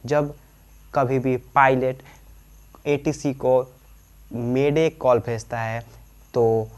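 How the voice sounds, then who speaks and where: Very slowly and in a flat, smooth, mid-range voice, a man teaches aviation terms in an informal explainer. He repeats himself often, asks questions only to answer them, and regularly checks in with his audience.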